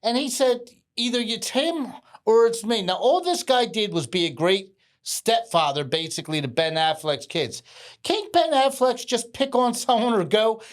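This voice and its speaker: A man's voice: high-pitched, very animated, normal speed. A man co-hosting a podcast in casual chat, talkative and laughing as he tells stories. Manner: chatty, laughs while talking. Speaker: podcast co-host.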